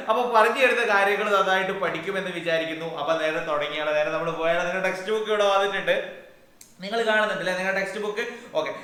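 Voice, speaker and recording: High bright-voiced cheerful teacher in an echoey room. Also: male voice. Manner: playful, asks the children many questions. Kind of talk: children's exam revision lesson.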